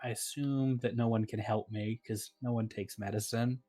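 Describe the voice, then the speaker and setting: Brief: male player on a call, mid-pitched, rambling, soft music in the background. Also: steady tone, moderate pace. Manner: rambling, laughing, trailing off. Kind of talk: casual play over a voice call.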